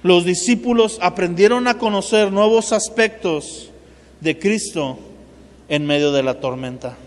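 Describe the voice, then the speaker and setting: A man with a notably high voice preaches a sermon to his congregation, turning to them directly and slipping in joking remarks. His words ring out with a long hall reverb, as if recorded in a big sanctuary. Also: unhurried. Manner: addresses the congregation directly, playful asides. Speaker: pastor.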